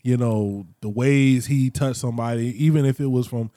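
A man in his late thirties talks in a loose, unhurried way, often stretching his words and dropping in slang. His voice is dark and mellow, recorded close in a dry room. It sounds like casual podcast talk among friends. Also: medium pitch, fairly even intonation, no room sound. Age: 30s. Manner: reflective, drawn-out, slangy. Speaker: podcast co-host. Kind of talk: casual chat.

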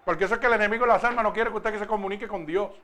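Preacher guy, really high bright voice, chatty with the church, slows way down for scripture. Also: fairly even intonation, a little hiss or hum. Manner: conversational preaching, asks the congregation questions; slow, emphatic when reading scripture. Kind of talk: sermon.

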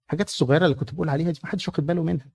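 A man's voice: fairly high pitch, racing, creaky, a little mellow, breathy edge. A man with an Egyptian accent acting out a stern, self-righteous Pharisee host. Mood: smug. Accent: Egyptian Arabic. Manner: pompous, indignant.

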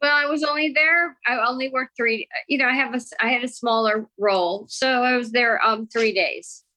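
A woman, an actress, chatting as a podcast guest, telling stories in an animated, excited way. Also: a little high, moderate pace, rough recording. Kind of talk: casual interview chat.

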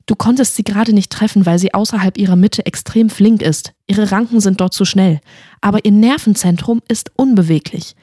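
A woman's voice: medium pitch, normal speed, warm tone, dry recording, studio quality, close to an everyday voice. A woman voicing a studious, earnest young witch who lectures her companion in a fantasy audiobook. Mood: instructive. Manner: instructive, lecturing.

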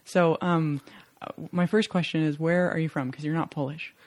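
A woman's voice: deep voice, fairly even intonation, moderate pace, darkish tone, dry recording. A podcast host leading a casual interview, curious and eager, reacting often to her guest's answers.

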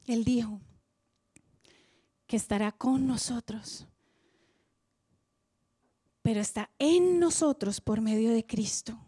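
Female preacher, high-pitched, dry close sound; passionate church sermon delivery with sudden hushed drops. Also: slow pace, long pauses, husky, no room sound. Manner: impassioned, swings from loud to hushed.

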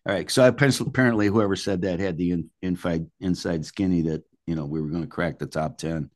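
Speaking fairly quickly, an older man with a deep, darkish voice recounts stories like a musician in a casual interview, his language blunt and salty. The studio-quality recording is dry, with almost no room sound.

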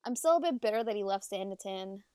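A woman's voice: medium pitch, expressive, fast talker, warm tone, clear, resonant tone, no room sound. A woman co-hosting a casual chat, making dry, teasing quips.

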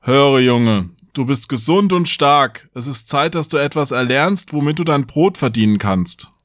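A man's voice: medium pitch, expressive, a little slow, fairly bright tone, no room sound. A weary old father scolding his useless son, as a male narrator puts him on. The voice is firm and close, with a dry sound. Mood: stern. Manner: stern, weary. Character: worried, stern old father.

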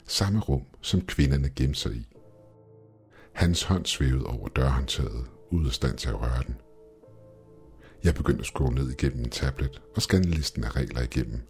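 A man reading a first-person horror story in an even, measured storytelling voice. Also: very deep voice, soft background music. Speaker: narrator. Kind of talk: scripted horror narration.

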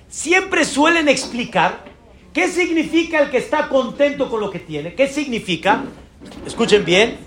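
High-voiced man preaching emphatically. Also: pushed and bright. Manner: emphatic preaching with rhetorical questions and exclamations. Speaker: rabbi. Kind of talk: sermon.

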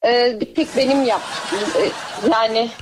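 A woman's voice: fairly high pitch, unhurried, background noise. Woman caller over a phone line. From Kahramanmaraş, Turkey. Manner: short, agreeable replies. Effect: heard over a phone line. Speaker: radio call-in caller. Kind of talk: casual phone chat with a host.

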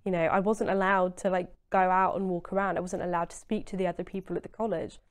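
Woman, twenties, slightly low pitch, earnest, emphatic, conversational interview guest. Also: little pitch movement, quick pace, clear, resonant tone. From Essex, England. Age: 20s. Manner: earnest, emphatic, frequent "you know".

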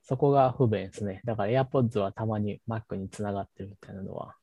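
A man's voice: on the low side, brisk, warm tone, no room sound. A man co-hosting a podcast in casual tech chat, easygoing and thinking aloud. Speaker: podcast co-host. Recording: muffled, dry close mic.

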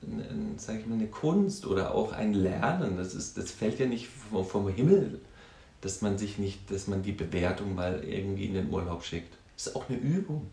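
A man who works as a counselor and music therapist, talking in a thoughtful, halting way with many tag questions. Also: lowish voice, lively intonation, mellow, reverberant. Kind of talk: reflective conversational talk.

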